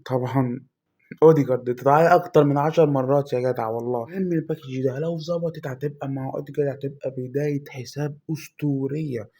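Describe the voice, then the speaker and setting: A young man with an Egyptian Arabic accent giving excitable, chatty game commentary while opening packs, keeping his voice down at night. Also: mid-range voice, vocal fry. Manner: talking quietly at night. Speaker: gaming YouTuber.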